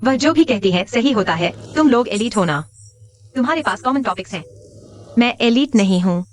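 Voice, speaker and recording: A woman's voice: fairly high pitch, expressive, normal speed, natural voice. A woman dubbing a frustrated young office worker in a TV drama, bitter and defensive. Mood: despairing. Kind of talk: Hindi dub of a TV drama. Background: music.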